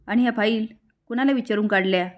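A woman's voice: fairly high pitch, quick pace, lightly acted. Woman narrator as a curt young cop, troubled, in a storytelling recap. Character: stern young man, a police officer in love.

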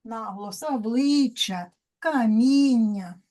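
A woman teacher, explaining a language lesson to children slowly and patiently, step by step. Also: on the high side, warm tone.

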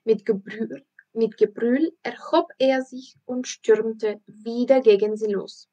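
A woman, a language teacher, narrating a children's audiobook in a careful, expressive reading. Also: on the high side, slow pace, dull audio.

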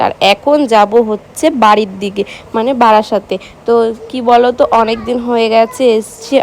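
A young woman chatting casually in a vlog, speaking softly because of a sore throat. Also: a little hiss or hum. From West Bengal, India. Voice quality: soft, low-voiced talk because of the sore throat. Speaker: vlogger.

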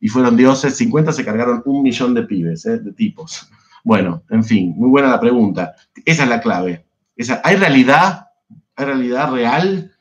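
A man's voice: mid-range voice, lively intonation, moderate pace. Argentine man lecturing over dull online audio. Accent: Argentine Spanish. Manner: discursive, peppered with checking questions. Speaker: psychoanalysis lecturer. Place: home, online class.

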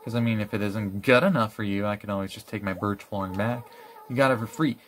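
A man's voice: lowish voice, quick pace, slight background noise, natural voice. Man voicing a bossy game villager, sarcastic, demanding, catchphrase at the end of lines. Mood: pushy. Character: pushy, needy animal villager in a game.

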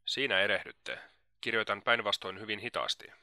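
A man reading the lines of a proud, reserved young gentleman in an audiobook, cool and measured, lecturing at length. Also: lowish voice, animated, no room sound, studio quality, full character voice.

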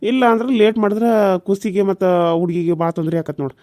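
A man voicing a calm village doctor. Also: sits high, fast talker, no echo, studio quality, close to an everyday voice. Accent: North Karnataka Kannada. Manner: reassuring, matter-of-fact. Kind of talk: cartoon voice acting.

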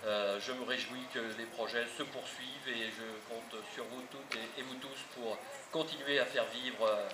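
Male local official, public address, halting phrases, mid pitch, distant noisy outdoor recording. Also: steady tone, reverberant. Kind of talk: short semi-improvised public address. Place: open town square outdoors.

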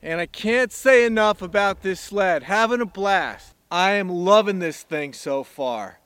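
Outdoors on a snowy farm, a man reviews a snowmobile with enthusiasm, speaking plainly, casually, and a bit ramblingly. His voice sits high, and the recording is dry.

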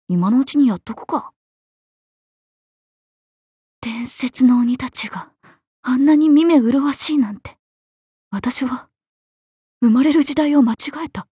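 High, animated young swordswoman, Miyamoto Musashi. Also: slightly rough, no room sound, studio quality. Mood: musing, admiring. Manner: playful, expressive, swinging between teasing and flustered. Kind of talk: Japanese anime-style mobile game character acting.

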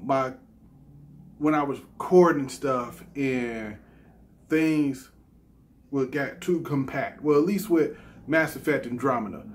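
Slow-talking man giving a channel update. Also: a little high. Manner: rambling, filler-heavy, often adds "right?". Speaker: YouTube gaming channel host. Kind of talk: casual channel update vlog.

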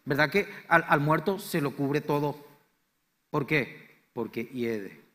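Impassioned Paraguayan preacher in a reverberant church. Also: male voice, slow. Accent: Paraguayan Spanish. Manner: impassioned preaching, swings between loud declarations and quiet low lines. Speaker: pastor. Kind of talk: sermon. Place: church sanctuary.

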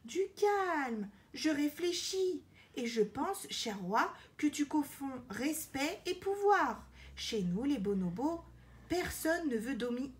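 A wise bonobo queen, as a woman storyteller puts her on. She is calm and firm, speaking a bit higher, and gently scolds the others. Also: slow, heavily acted. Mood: thoughtful.

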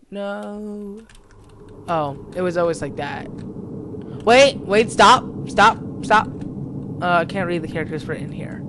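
A man's voice: high-pitched, background noise. A young man commenting on a horror game as he plays, reading its text aloud and yelping and cursing when startled. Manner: jumpy, yelps and curses when startled. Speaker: gameplay commentator.

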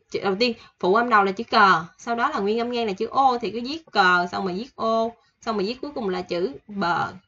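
A woman teaching a casual online language lesson, chatty and repeating each example slowly with fillers. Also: mid-range voice, fairly bright tone, husky, muffled recording.

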